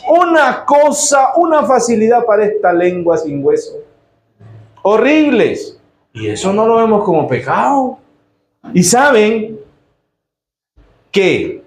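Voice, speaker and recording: Nicaraguan pastor guy preaching, kinda high voice, punchy, keeps asking the church questions, echoey room. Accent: Nicaraguan Spanish. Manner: emphatic, exclamatory, quizzes the congregation with rhetorical questions. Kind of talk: sermon.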